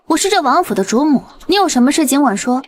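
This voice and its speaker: An actress playing a sharp-tongued young princess consort who taunts coldly. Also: female voice, high voice, very animated, quick pace, slight background noise. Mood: defiant. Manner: scornful, coolly taunting. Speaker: prince's wife.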